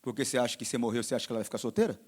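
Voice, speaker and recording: A man with a Brazilian Portuguese accent preaching a sermon as pastor, swinging between loud exhortation and quiet, confiding asides. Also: mid-range voice, fairly even intonation, rapid-fire.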